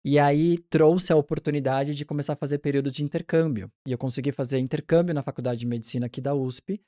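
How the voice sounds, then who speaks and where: A man in his forties, a pediatric neonatologist, telling his career story in a relaxed, chatty interview with frequent restarts. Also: on the high side, quick pace, no room sound, studio quality.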